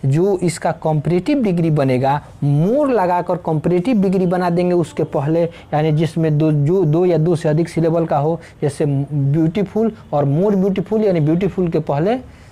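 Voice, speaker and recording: Mellow low-voiced woman teaching grammar. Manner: slow explaining, spells out letters, many fillers. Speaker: English teacher. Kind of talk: classroom grammar lesson.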